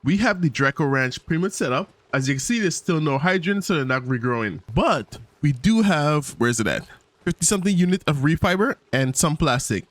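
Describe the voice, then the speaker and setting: A man's voice: on the high side, animated, fairly quick, no room sound. Upbeat man rambling over gameplay. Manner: rambling, upbeat, thinks aloud with fillers and small laughs. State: tired morning voice. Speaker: gaming channel host. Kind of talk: casual let's-play commentary.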